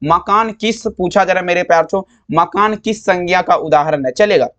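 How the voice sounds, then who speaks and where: A man's voice: sits high, brisk, fairly bright tone. A man teaching students, going over exam answers with affectionate, repetitive coaching. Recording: slightly dull lo-fi sound.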